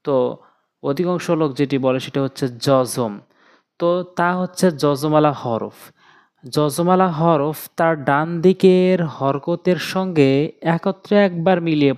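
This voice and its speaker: A man's voice: a little high, darkish tone. A man teaching Quran reading, spelling out letters and vowel marks and repeating each syllable in a patient lesson style. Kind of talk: slow spelled-out recitation lesson.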